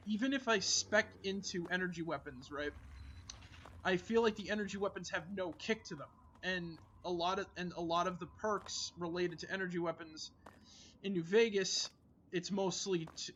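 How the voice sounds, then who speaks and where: A man's voice: high voice, fairly bright tone, highs cut off, a little hiss or hum. A man streaming a game, chatting casually and rambling with lots of filler words and restarts. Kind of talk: casual gaming chat.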